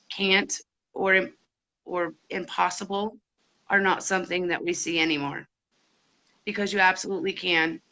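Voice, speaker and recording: A woman with a Wyoming American accent speaks as an interview guest. Her voice is bright and her delivery is emphatic and encouraging. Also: fairly low pitch, vocal fry, low-quality recording. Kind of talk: livestream interview.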